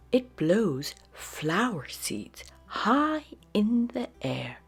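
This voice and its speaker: Over background music, a storybook narrator reads aloud for children. Her voice is low, breathy, lilting and expressive, and her storytelling stays unhurried, slow and deliberate.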